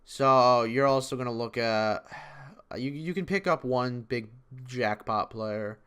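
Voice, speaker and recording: Clear-voiced excitable man vlogging. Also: mid-range voice, slow. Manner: excitable, profane, rambling. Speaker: esports video creator. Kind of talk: casual predictions vlog.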